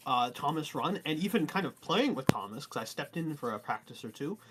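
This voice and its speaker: A man in his twenties doing color commentary for a college esports final, excitable and rambling with fillers. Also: on the high side, a little fast, noisy background. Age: 20s.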